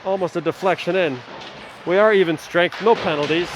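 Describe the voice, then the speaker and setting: A middle-aged man doing amateur live play-by-play of a hockey game at an ice rink, rattling off the action and dropping in relaxed, chatty asides. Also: sits high, a little fast, noisy background. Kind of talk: amateur live sports commentary.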